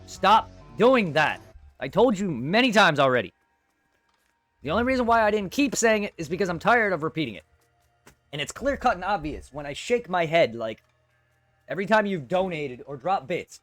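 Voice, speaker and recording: This live streamer's normally very quiet voice sits high and swings widely in pitch as he talks at a normal speed. Faint music plays with no room sound. He's chatting unscripted to his viewers, blunt, repetitive and sometimes swearing.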